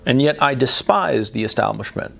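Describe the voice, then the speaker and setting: Gravelly-voiced man on a blunt rant. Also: mid-range voice, expressive, normal speed, fairly bright tone. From Chile and the United States. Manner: emphatic, blunt, repeats for stress; speech full of restarts and tag questions. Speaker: political commentator. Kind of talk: opinionated monologue.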